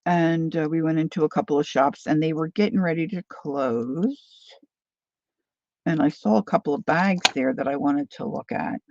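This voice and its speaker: A Philadelphia-accented woman in her sixties hosts a laid-back craft livestream, rambling along as she reads viewer comments aloud. Her voice sits low and moves at a moderate pace with no echo. The stream audio is dull and lo-fi.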